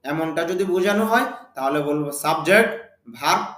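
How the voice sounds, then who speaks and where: A man giving a spoken English lesson, reading example sentences slowly and asking and answering his own questions. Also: fairly high pitch, lively intonation, fairly bright tone, reverberant. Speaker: English teacher.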